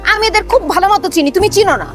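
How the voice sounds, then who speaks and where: Whiny young wife,, very high voice, quick talk, light music under it. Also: female voice, fairly bright tone. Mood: indignant. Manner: whiny, dramatic protests. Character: fearful, stingy young wife Shirin. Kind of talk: TV drama acting.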